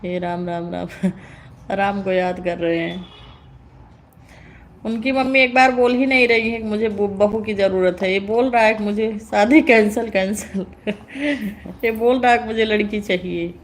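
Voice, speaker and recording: A woman's voice: medium pitch, steady tone, a little slow. A woman hosting a casual live stream, greeting viewers and teasing them with frequent laughter. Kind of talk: casual live-stream chat reading comments.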